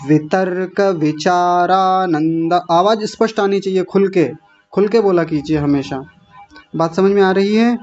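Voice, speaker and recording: A man teaching a class, drilling each word slowly syllable by syllable and correcting his learners' pronunciation. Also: sits high, darkish tone. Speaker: teacher of a Sanskrit recitation class. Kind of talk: online class teaching recitation. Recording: dull lo-fi sound with faint music.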